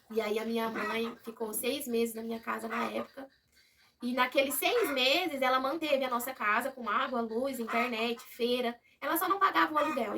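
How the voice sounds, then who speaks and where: A Brazilian woman telling a personal story to her viewers in a casual, animated way, acting out what others said. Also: high voice, distant mic, a little hiss or hum.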